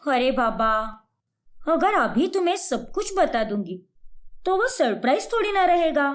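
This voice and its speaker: A woman's voice: high-pitched, big pitch swings, unhurried. A woman voicing a bubbly, childish young bride in a cartoon story. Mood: sweet. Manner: pleading, sweet. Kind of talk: cartoon voice acting.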